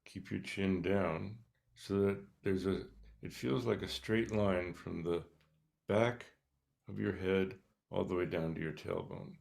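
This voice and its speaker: A man leading a guided meditation, speaking softly and calmly with long pauses between short instructions. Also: low voice, gravelly. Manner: slow, calm, soft-spoken instructions with pauses. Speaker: meditation teacher.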